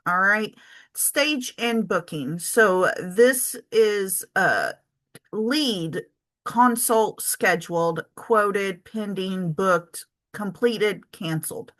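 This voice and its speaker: A woman's voice: mid-range voice, drawn-out words, a bit bright. A woman giving a casual spreadsheet tutorial for her travel business, chatty and thinking aloud with lots of ums and self-corrections. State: has the hiccups. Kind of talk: casual screen-share tutorial.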